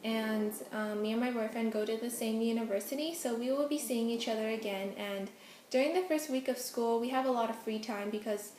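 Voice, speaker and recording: Fairly quick and fairly high-pitched, with a darkish tone, a young woman who grew up speaking Hokkien chats through a Q&A vlog indoors at home, her face unseen. She's chatty and giggly with lots of ums, and the poor audio carries echo plus a little hiss or hum.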